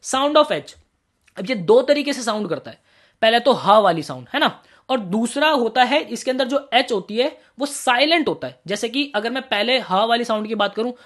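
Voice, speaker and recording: A man's voice: very high voice, expressive, moderate pace, a bit bright. A man teaching an exam-prep class online, mixing in English terms and often asking students whether they follow, calling them brother and kids.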